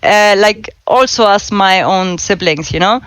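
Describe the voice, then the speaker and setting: A woman's voice: medium pitch, a little slow, fairly bright tone, clear, resonant tone, no echo, low-quality recording. Chatty woman with a German accent. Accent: German-accented English. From Spain. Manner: chatty, self-deprecating, frequent laughter, small grammar slips. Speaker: guest. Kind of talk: casual podcast chat.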